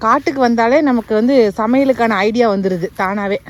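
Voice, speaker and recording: Young woman vlogger, slightly high voice, chatty, speaks to viewers while walking a farm outdoors. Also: fairly quick. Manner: chatty, addresses viewers directly. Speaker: village vlogger. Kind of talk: casual farm vlog narration.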